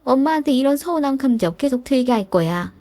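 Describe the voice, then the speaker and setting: A woman's voice: high-pitched, animated, fast talker, mellow, no echo, voice pushed up. A woman voicing a domineering middle-aged mother-in-law who scolds and whines reproachfully.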